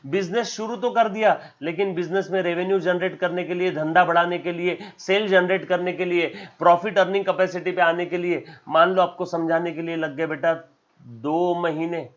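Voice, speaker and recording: A man's voice: high voice, fairly even intonation, normal speed, muffled recording. A man with an Indian accent teaching accounts in a classroom-style lecture, repeating key terms and often asking "yes or no?". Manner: calls students "beta", acts out their questions.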